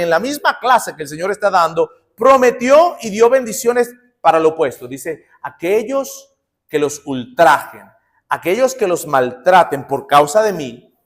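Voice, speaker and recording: A male preacher from Nicaragua delivering a sermon. His voice sits high and swings widely, from loud bursts of emphasis down to soft, low asides. He keeps asking his listeners questions and acts out the people he quotes. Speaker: pastor.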